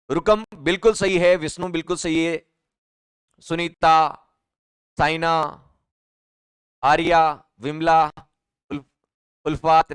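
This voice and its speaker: A man's voice: fairly high pitch, fairly bright tone, smooth, no room sound, studio quality. A male teacher giving a live online exam-prep class, chatty and repetitive, often asking his students questions. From Rajasthan, India.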